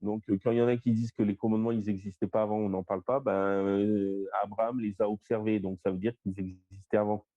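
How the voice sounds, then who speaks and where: A man's voice: lowish voice, little pitch movement, warm tone. A man leading an online Bible study over a shared screen, listing word meanings one by one with plenty of fillers. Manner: lists word meanings in a slow, step-by-step way with fillers. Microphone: voice-call microphone. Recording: dull lo-fi voice-call audio.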